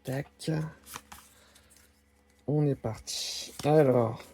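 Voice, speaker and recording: Wrappers crinkle as a man opens trading card packs for his video, casually commenting and listing every card name one at a time. His voice is medium in pitch, steady and mellow, and he muses along at a slow pace.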